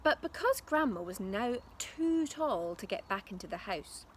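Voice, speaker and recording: A woman reads a storybook aloud to young listeners, addressing them directly with the expressiveness of a primary teacher. Her mid-range voice is sing-song and measured in pace. The background noise is clear.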